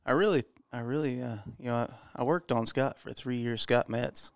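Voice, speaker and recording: Gravelly-voiced man, chatty color commentator, dry close sound. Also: mid-range voice, moderate pace, dry recording. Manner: joking, chatty, self-deprecating. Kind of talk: casual local sports commentary.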